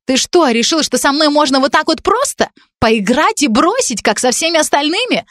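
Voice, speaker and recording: A woman reading a story, voicing a jealous, hysterical young female student who shouts accusations through tears. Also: high voice, very animated, normal speed, dry recording, clean studio sound, pitched above the performer's own voice. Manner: screaming, sobbing accusations. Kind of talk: audiobook character reading.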